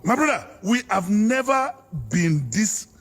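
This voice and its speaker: A man's voice: high-pitched, sing-song, unhurried. A Nigerian man arguing politics in a heated interview, fiery and preacher-like, hammering his points. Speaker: political guest.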